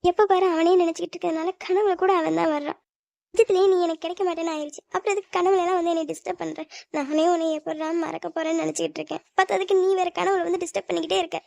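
Actress for a hurt young cartoon heroine, fast and high, a dry close sound. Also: female voice, steady tone, creaky, darkish tone, no room sound. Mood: longing. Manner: plaintive, sulky and hurt. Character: young woman, lovesick and tearful. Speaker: voice actor. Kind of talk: cartoon voice acting.

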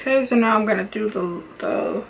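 A woman's voice: medium pitch, brisk, creaky, background noise. Chatty woman vlogger doing her makeup. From Los Angeles, United States. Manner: chatty, rambling, many "like" and "um" fillers. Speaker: beauty vlogger. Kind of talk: casual makeup tutorial chat. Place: home bedroom with lamps and makeup shelves.

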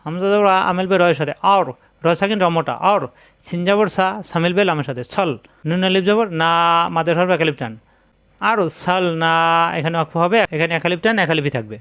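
A man teaching Quran recitation rules step by step. He explains each rule over and over and then chants the words in long, drawn-out tones. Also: high-pitched, animated, a bit bright, clear, resonant tone. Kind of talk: tajweed lesson, explaining and demonstrating recitation.

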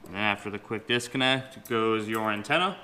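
The car modification vlogger, a man in his twenties, talks a little fast in a lowish, sharp-toned voice with a bit of hiss or hum. He's giving an informal, folksy tutorial to camera, working in his home garage and partly inside a vehicle.

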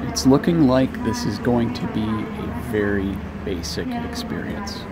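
A man's voice: on the low side, very animated, unhurried, loud music behind the voice. A man in his thirties hosting a travel vlog, narrating with wry, joking asides while walking through a city and a train station. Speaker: travel vlogger. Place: busy city streets and a large train station. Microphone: handheld camera at arm's length. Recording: street and station noise behind.

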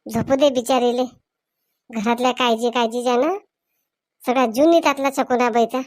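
A woman's voice: a little high, fairly even intonation, normal speed, pitched below the performer's own voice, lightly acted. A woman voicing a fussy middle-aged village husband who mutters as he fusses. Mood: fond.

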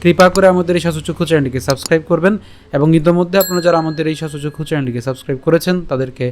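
A man teaching Sanskrit verse pronunciation in an online lesson, breaking words into syllables slowly and checking with rhetorical questions. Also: a little high, a little mellow.

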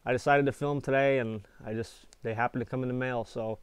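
A man's voice: medium pitch, steady tone, a little fast, clean tone, dry recording. An American man in his twenties reviewing products in a casual, laid-back, plain-spoken chat, talking with a lip full of dip. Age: 20s. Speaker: product reviewer, video channel host. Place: small indoor space with foil-insulated walls.

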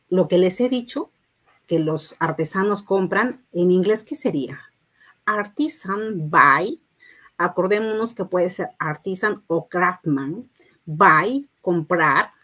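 Husky-voiced Peruvian woman teaching English. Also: lowish voice. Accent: Peruvian Spanish. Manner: patient, repeats English phrases slowly for learners to echo. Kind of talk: online class lecture.

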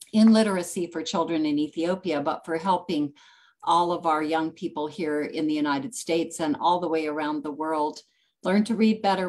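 A woman's voice: deep voice, a little mellow. An older woman, a children's book author, earnestly telling her story as a guest on a video call.

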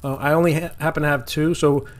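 A fast-talking cooking channel host from Florida, with a fairly high-pitched voice, rambles loosely as he cooks beside a lake. Food sizzles on the griddle while he keeps correcting himself and laughing off little slip-ups.

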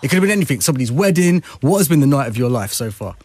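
A man's voice: mid-range voice, big pitch swings, racing, a little mellow, slightly rough, no room sound. A man interviewing an actress in a playful, eager way, often repeating his words. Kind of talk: casual chat.

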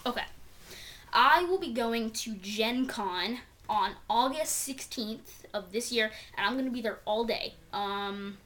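A woman's voice: on the high side, lively intonation, a little slow, fairly bright tone, a little hiss or hum. A young woman chatting casually in a home vlog, rambling with lots of fillers, recorded on a camera mic. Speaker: vlogger.

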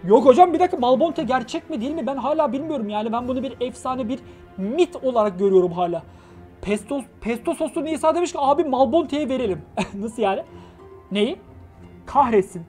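A male streamer reading a story game aloud on a live stream and chatting with viewers, joking and excitable, bursting into shouts and swearing. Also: very high voice, brisk, faint music behind.

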